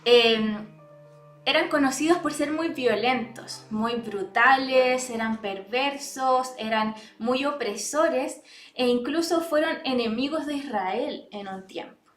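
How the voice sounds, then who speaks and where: A woman's voice: high voice, slow, soft background music. Woman preaching a sermon in a roomy church. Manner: reads out online comments and Bible verses, asks "¿cierto?" often.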